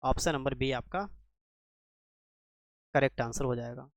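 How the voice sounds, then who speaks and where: A man's voice: mid-range voice, measured pace, no echo, studio quality. A man teaching a spelling lesson for exam preparation, quizzing the class with rhetorical questions and repeating each answer. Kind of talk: exam-prep grammar lesson.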